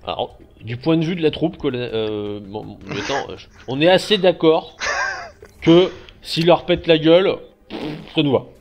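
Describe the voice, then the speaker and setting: A man playing a wary military officer in a tabletop game, speaking formally and haltingly. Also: on the high side, voice pushed up, lightly acted. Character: wary male military officer reporting to colonel.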